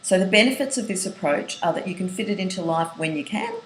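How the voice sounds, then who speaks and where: A woman's voice: medium pitch, expressive, quick pace. A middle-aged woman, a writing coach, giving a webinar lesson in an earnest manner, listing points and sometimes restarting phrases. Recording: roomy echo, faint hiss.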